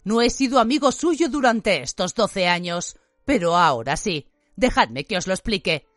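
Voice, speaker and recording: Lupin: a woman voicing a weary, gentle male teacher. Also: mid-range voice, lively intonation, no room sound, clean studio sound, faint music behind, close to an everyday voice. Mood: calm. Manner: slow, measured and hushed. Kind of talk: audiobook character reading.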